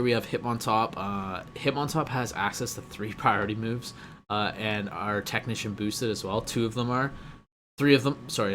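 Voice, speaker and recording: A man's voice: on the low side, a bit bright, a little hiss or hum. A man giving a casual, rambling analysis of a competitive team, full of fillers and self-corrections, running short of breath.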